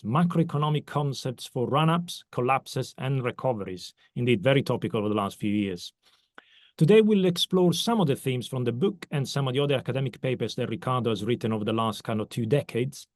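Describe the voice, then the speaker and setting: Male podcast host from Italy, mid pitch, dry close sound, rambling question style. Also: no room sound. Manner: long winding questions with fillers like "kind of". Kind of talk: podcast interview.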